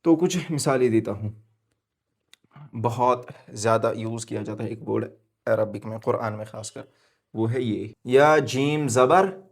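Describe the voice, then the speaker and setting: A man's voice: medium pitch, gravelly. Man drilling Arabic letters in a lesson. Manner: asks questions and answers them himself, drills letters slowly; switches between quiet explaining and loud emphatic stress. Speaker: tajweed teacher. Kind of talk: classroom-style lesson at a board.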